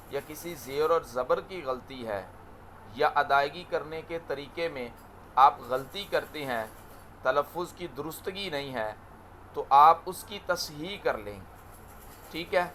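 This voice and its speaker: A man teaching prayer and scripture to a student, speaking gently and then reciting in slow, drawn-out phrases for the student to repeat. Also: on the high side, a little hiss or hum. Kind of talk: online lesson to a student.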